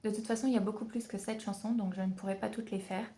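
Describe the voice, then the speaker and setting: A woman vlogging casually from home about learning songs, chatty and self-mocking, sounding out syllables slowly. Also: medium pitch, fairly even intonation, dark tone. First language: French. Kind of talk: casual vlog.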